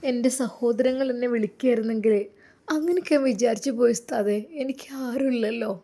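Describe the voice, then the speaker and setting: A woman voices a lonely, orphaned young bride in a spoken story drama. She sits higher than the performer's own voice, with a mellow, warm tone. Her speech is hesitant and halting, and she stays timid and tearful.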